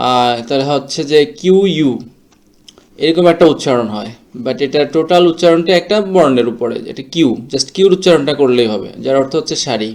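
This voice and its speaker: With a fairly high, slightly mellow voice, a man whose first language is Bengali explains the pronunciation of English words slowly, weaving English terms into his explanatory lesson.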